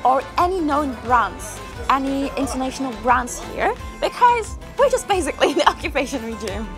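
A woman in her twenties from North Cyprus, a medical student, giving relaxed, chatty interview answers. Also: high voice, moderate pace, over music. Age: 20s.

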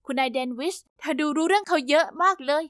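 A young woman narrating her own story in first person, lively and emotive, for an animated story channel. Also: high voice, quick pace, no room sound, clean studio sound.

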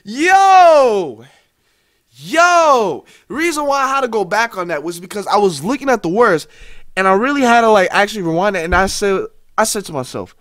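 Excitable young American man, high voice. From United States. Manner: excitable, exclaims and breaks down lyrics. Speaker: reaction video host. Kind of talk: reacting to a music video. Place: small indoor room at a desk. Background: faint music from the video he plays.

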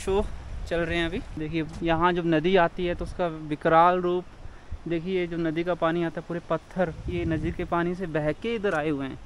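Excited man vlogging from a motorcycle. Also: a little high, normal speed. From India. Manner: chatty and excited, talking to viewers while riding. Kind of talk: casual travel vlog narration. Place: outdoors on a mountain road and in a park. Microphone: helmet or action camera mic. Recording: outdoor recording with road and wind noise.

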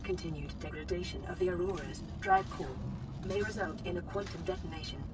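A woman voicing a gentle care-robot computer. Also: fairly low pitch, fairly quick, lightly acted. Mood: calm. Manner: calm, even, soothing machine announcements. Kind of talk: in-game system announcements. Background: game music.

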